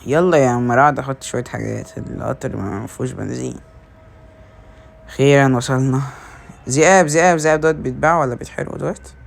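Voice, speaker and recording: A man with an Egyptian Arabic accent giving casual gameplay commentary, excitedly calling out to his teammates and teasing them. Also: mid-range voice, quick pace, gravelly. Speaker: gaming video creator.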